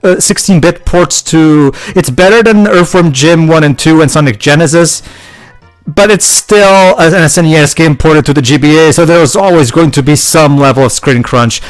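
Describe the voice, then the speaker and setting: A man's voice: fairly high pitch, moderate pace, faint music behind, poor audio. A man hosting casual gaming commentary, often stammering and repeating his words.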